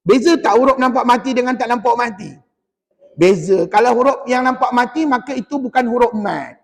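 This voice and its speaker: A Malaysian man with a Malay accent teaching a Quran recitation class in a mosque, quizzing his students in a lively way and chanting the verses slowly. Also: extremely high pitch, gravelly. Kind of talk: classroom tajwid lesson. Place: mosque hall. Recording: long mosque reverb.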